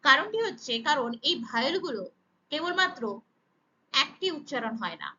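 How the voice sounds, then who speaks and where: A woman teaching English pronunciation, slowly spelling out letter sounds one by one in a deliberate, emphatic way. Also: high voice, expressive, bright, forceful tone, dull audio, a little hiss or hum. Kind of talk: slow, deliberate pronunciation lesson.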